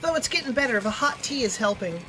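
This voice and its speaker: A streamer with a stuffy, sniffly nose chats casually and rambles while playing a game, often trailing off mid-sentence. The voice is medium-pitched, animated and fast, and the audio quality is poor.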